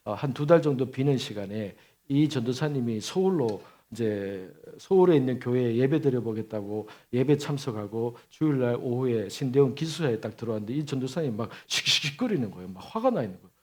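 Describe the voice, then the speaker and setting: A man in his fifties, a pastor preaching a sermon, telling stories in an emphatic, animated way. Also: medium pitch, brisk, hardly any pauses. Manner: storytelling with lively acted quotes and laughter.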